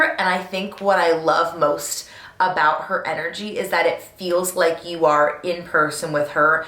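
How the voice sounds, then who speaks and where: A woman in her twenties chats to camera about fitness, gushing and bubbly, with little laughs. Her voice sits a bit low. She is recording at home indoors, and the room rings with echo. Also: a bit bright. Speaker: fitness vlogger. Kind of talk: casual chat to camera. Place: indoors at home, lit by twinkle lights. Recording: echoey room.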